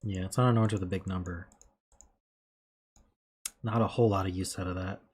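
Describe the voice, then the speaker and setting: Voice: deep voice, steady tone, fairly quick, darkish tone, slightly rough. A streamer thinking aloud while working through a puzzle, musing in self-questions and correcting themself in casual commentary. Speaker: live streamer.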